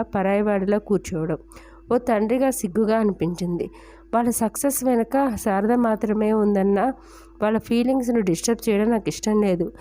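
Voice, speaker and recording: Woman storyteller reading a story, calm measured pace, mellow warm tone. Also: fairly high pitch. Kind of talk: audio story narration.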